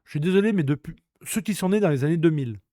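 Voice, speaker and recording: High-pitched man ranting in crude slang. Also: animated, fast talker, warm tone, no echo, clean studio sound. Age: about 30. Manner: indignant, crude slang, repetitive. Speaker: streamer hosting a free-talk show. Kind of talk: casual ranting monologue.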